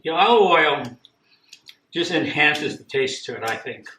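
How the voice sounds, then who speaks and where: An older man from Costa Rica giving a plain, unhurried home cooking demonstration, repeating himself now and then. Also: fairly high pitch, animated, sharp tone. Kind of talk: casual home cooking demo. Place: echoey home kitchen. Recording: echoey kitchen with clear background noise.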